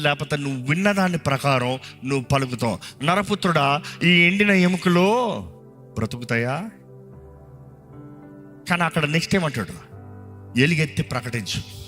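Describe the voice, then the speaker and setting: A man's voice: a little high, fairly bright tone. A male pastor with a Telugu accent preaching a sermon and leading the congregation in fervent, repeated prayer. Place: church hall.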